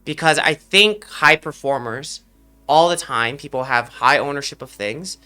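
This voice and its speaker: Bright-voiced man with a slightly sick voice. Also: a little high, expressive, a little slow, smooth, soft background music. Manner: earnest, explanatory, repeats phrases for emphasis. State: under the weather, slightly sick voice. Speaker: esports mental coach and streamer. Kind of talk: livestream talk to chat.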